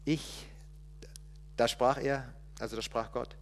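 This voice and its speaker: A man preaching a sermon, shifting between loud emphatic quotations and quiet, reflective passages, with hesitations as he looks up verses. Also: medium pitch, fairly even intonation, slow, big-room sound, slight background noise. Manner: restarts and hesitates while looking up verses.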